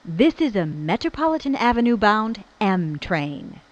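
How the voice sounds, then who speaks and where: Slow, stitched-together female train announcer, dull sound. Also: mid-range voice, very animated. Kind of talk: recorded transit announcements. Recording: dull lo-fi train speaker recording.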